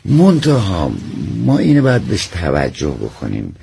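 Low gravelly man explaining slowly. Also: huge pitch swings, warm tone. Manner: hesitant, many fillers, folksy examples. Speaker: expert guest. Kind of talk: conversational explanation.

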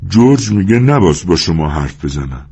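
A man reading a story aloud, voicing a big, simple-minded man who talks slowly and plaintively, like a frightened child. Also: deep voice, very animated, mellow, husky, full character voice. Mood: wary.

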